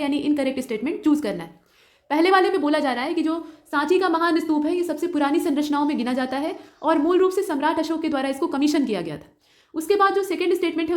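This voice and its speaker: A woman tutor talks through quiz questions at a brisk clip, her voice sitting high. She lays out each answer option one by one and slips English terms into her explanations. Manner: mixes English terms into Hindi. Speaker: exam prep tutor.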